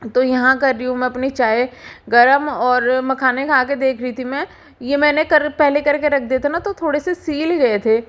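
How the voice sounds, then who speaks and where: A young woman with a high, light voice narrates her everyday home vlog. She talks in a relaxed, confiding way, as if chatting with a close friend. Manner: chatty, confiding and unhurried, talking to viewers like a friend. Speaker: vlogger.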